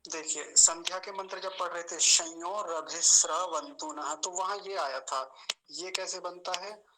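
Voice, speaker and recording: A man teaching an online class on pronunciation, patiently explaining and slowly repeating sounds to demonstrate them, speaking over a video call. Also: high voice, sharp tone, poor audio. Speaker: Sanskrit teacher.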